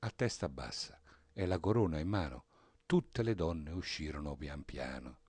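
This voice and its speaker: A man's voice: a bass voice, lively intonation, normal speed, a little mellow, breathy edge, no echo. A man reciting a comic dialect poem in a theatrical, storytelling rhythm. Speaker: poetry reciter.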